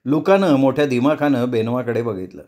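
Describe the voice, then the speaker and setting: A man narrating a novel aloud in a measured, expressive storytelling voice. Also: mid-range voice.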